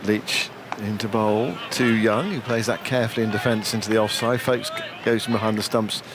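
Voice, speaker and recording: A man's voice: fairly low pitch, steady tone, a little fast. A man giving live ball-by-ball cricket radio commentary mixed with casual chat. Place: commentary box at a cricket ground. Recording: outdoor ground noise behind voice.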